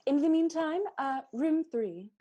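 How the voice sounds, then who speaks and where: A woman's voice: sits high, lively intonation, unhurried, narrow, tinny audio. A woman playing a polite, formal island housekeeper who hesitates with many ums.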